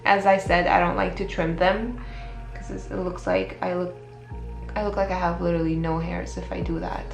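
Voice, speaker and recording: A woman talking through a makeup tutorial in a relaxed, chatty way, explaining each step as she goes, her voice a little worn. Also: lowish voice, moderate pace, creaky, echoey room, faint music behind. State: slightly losing her voice. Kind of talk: casual beauty tutorial talk.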